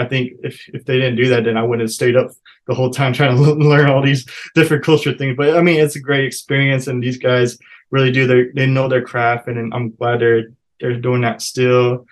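A man talks casually as an interview guest. His mid-pitched voice stays quite flat in melody. He feels his way through sentences, often repeating and rephrasing. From United States, partly a Navajo reservation. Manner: halting, repeats and rephrases as he goes. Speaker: interview guest, college student. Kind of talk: casual personal recollection.

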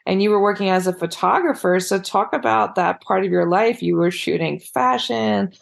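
An American woman hosts a casual podcast interview, her voice carrying a gravelly fry. She talks in a chatty, encouraging way, keeping the conversation easy. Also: medium pitch. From United States. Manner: chatty, encouraging, quick laughs. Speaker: podcast host. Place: living in Paris.

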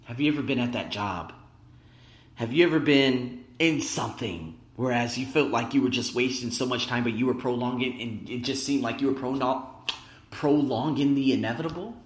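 A man's voice: medium pitch, moderate pace. Talky man in an echoey room. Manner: animated, emphatic, rambling and conversational. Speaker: podcast host. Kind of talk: motivational solo podcast monologue. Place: indoor room at his workplace. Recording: echoey room with big reverb.

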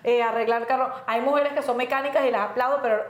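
A woman's voice: a little high, fairly even intonation, quick pace. A woman in casual chat with her husband, insistent and affectionate. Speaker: co-host. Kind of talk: casual banter with spouse. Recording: echoey room.

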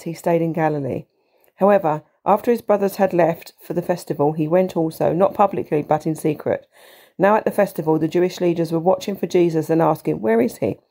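A woman reading scripture aloud in a measured, steady way. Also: fairly low pitch. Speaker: scripture reader.

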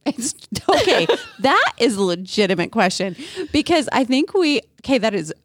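A woman in her thirties co-hosting a podcast, telling a family story in a casual, animated way. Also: a little high, moderate pace. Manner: animated, acts out family members' voices in her retelling. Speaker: podcast co-host.

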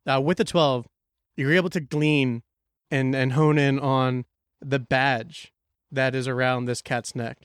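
A man's voice: mid-range voice, fairly even intonation, measured pace, smooth, no room sound, studio quality. A man narrating as game master of a tabletop role-play, joking and loose, often restarting phrases.

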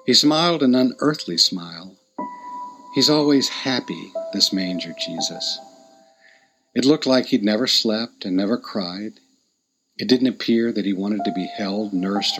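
A man narrating a reflective story in a slow, thoughtful way. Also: fairly low pitch, fairly bright tone, low-quality recording. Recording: music playing behind.

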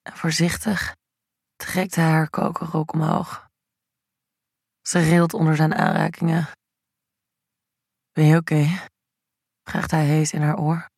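A man narrating an erotic audio story at a slow, unhurried pace, his pitch staying flat and level throughout. The reading is intimate and even, recorded dry and close with no room sound. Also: creaky, no echo.

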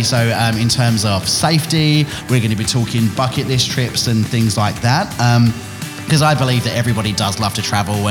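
A man with an Essex accent, hosting a podcast in casual, jokey chat with guests around a table. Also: medium pitch. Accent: Essex English. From England. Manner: chatty, jokey, playful. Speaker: podcast host.

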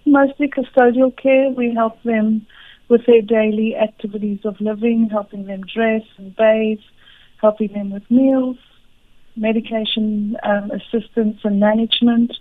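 A middle-aged woman answers interview questions in a calm, matter-of-fact way. Her voice sits a little high. The sound is dry and narrow, like a phone line. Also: measured pace, no room sound. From South Africa. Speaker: guest, home health care business owner.

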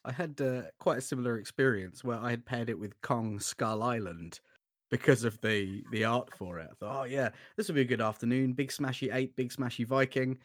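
A man's voice: mid-range voice, fairly quick, no room sound, clean studio sound. A man co-hosting a podcast, bantering and joking in casual chat. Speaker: podcast co-host.

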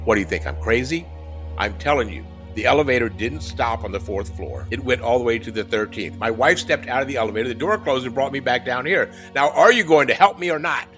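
A man playing an impatient husband in a haunted hotel, gruff and quick to demand help. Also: medium pitch, expressive, a bit bright, soft background music, close to an everyday voice. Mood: frantic. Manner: gruff, then frantic and stammering.

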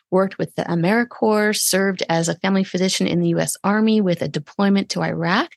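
Gravelly-voiced woman podcast host. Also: lowish voice, no room sound, studio quality. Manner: effusive, affirming, repeats phrases for emphasis. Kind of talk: warm interview chat.

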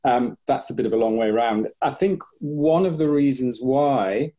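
Here a man with a medium-pitched, dark voice talks at a moderate pace. He coaches breathing and, interviewed on a podcast, thinks things through aloud, frequently begins again, and voices his clients.

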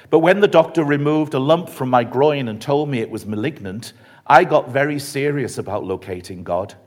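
A man's voice: mid-range voice, lightly acted. A man voicing a terminally ill young man in his twenties who speaks plainly and steadily. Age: 20s. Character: dying young man, calm and matter-of-fact.

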